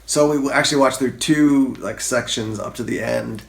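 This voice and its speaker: Man, gravelly voice, relaxed commentary, jokey, playful quotes. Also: mid-range voice, moderate pace, echoey room, slight background noise. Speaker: host. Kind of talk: casual couch commentary.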